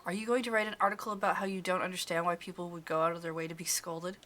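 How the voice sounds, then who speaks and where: A woman's voice: lowish voice, flat delivery, racing, fairly bright tone, lightly acted. A woman voicing a stern older woman who harshly scolds a kneeling girl. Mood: scolding. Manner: condescending, harsh and demanding.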